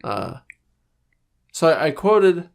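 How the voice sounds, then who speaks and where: A man's voice: fairly high pitch, slow pace, creaky. A man co-hosting a comedy podcast in casual, jokey chat, acting out little scenes as he talks. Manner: animated, jokey, acts out scenes. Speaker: podcast co-host.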